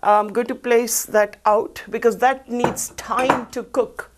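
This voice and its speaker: A middle-aged woman walks viewers through a recipe on a studio kitchen set. Her voice sits a little high, and she talks in a chatty, upbeat way into a lapel mic. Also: steady tone, takes it slowly, noisy background. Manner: chatty, upbeat, explains each step while working. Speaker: cooking show host. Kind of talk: cooking demonstration.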